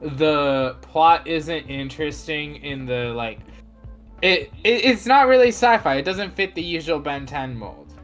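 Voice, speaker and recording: A man chatting on a podcast, talkative and quick, often saying "like". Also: on the high side, lively intonation, fairly bright tone, soft background music. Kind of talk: casual podcast chat.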